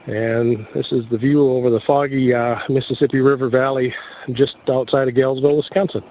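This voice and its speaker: With a flat delivery and a darkish, mid-range voice, an American man jokes around as he films his camping trip as an amateur radio operator. He talks fairly quickly and casually outdoors at the campsite, recorded on a handheld camcorder with noisy outdoor audio.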